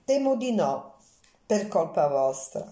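A woman's voice: on the low side, sing-song, takes it slowly, mellow, reverberant. A woman voicing a cool, elegant Russian countess in an audiobook, speaking lightly and without emotion. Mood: coolly amused. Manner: light, polite, detached.

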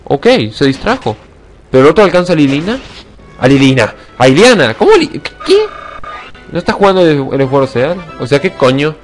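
Excitable young man gaming. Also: a little high, a little fast, faint music behind. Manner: excitable, swears a lot, sudden shouts at misses. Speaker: gaming channel host. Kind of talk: casual let's play commentary.

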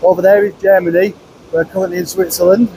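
A man's voice: high voice, level tone, fast, noisy background. Chatty man vlogging outdoors. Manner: chatty, rambling, frequent restarts and fillers. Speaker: travel vlogger. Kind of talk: casual travel vlog narration. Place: outdoors at a car park and riverside path.

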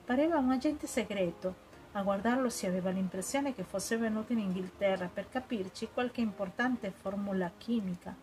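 A woman's voice: medium pitch, moderate pace, darkish tone, faint music behind, lightly acted, poor audio. A woman reading the part of a chatty, suspicious English tourist lady. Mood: gossipy. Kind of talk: audiobook character reading.

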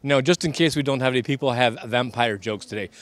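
A man's voice: mid-range voice, fast talker, fairly bright tone, lightly acted. A man playing a jovial vampire count with a mock Transylvanian accent and choppy grammar, politely hosting ad-libbed street interviews. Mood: jokey. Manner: polite, reassuring, choppy foreign-style grammar. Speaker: street host of a local TV Halloween show. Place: outdoors on a street.

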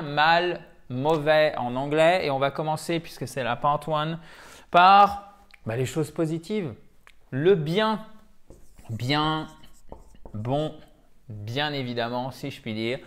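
A middle-aged man teaching English vocabulary in a chatty, self-mocking way, often repeating and rephrasing himself. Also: medium pitch. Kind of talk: lively teaching monologue.

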